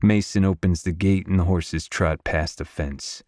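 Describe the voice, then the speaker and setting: A man narrating a romance audiobook in first person, in a gruff, brooding manner on a close studio mic. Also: sits low, fairly even intonation, a little slow, darkish tone, no echo.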